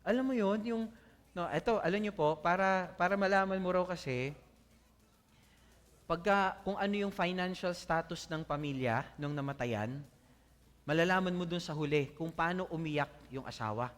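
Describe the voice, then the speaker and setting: Pastor guy preaching in a church hall, highish voice, lots of reverb, laughs a lot and keeps asking amen. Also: normal speed. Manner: animated, asks the congregation "Amen?"; mixes Tagalog with English. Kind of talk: preaching a sermon. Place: church hall before a congregation.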